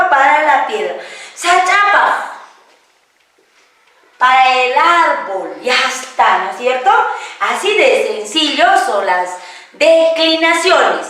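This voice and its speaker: A woman teaches a grammar lesson in a slow, high, bright voice, asking questions and answering them herself. She stands far from the microphone in a strongly echoing room. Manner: patient, asks and answers her own questions, tag questions. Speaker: Quechua language teacher.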